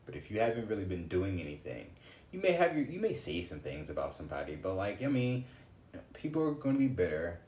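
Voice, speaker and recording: This streamer in his twenties does a card reading live, ranting loosely, cursing, and blurting out exclamations as he thinks aloud. His voice is low and darkish, very animated and brisk. A slight hiss or hum sits under the echoey room's faint ambience.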